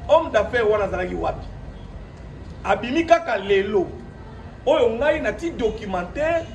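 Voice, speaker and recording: At a press conference in an echoey room on his own premises, a Congolese man from the DRC whose voice sits high delivers a partly improvised statement, switching between French and Lingala. His manner is defiant and emphatic, leaning on repetition and rhetorical questions. The recording is roomy and noisy, with the microphone set at a distance.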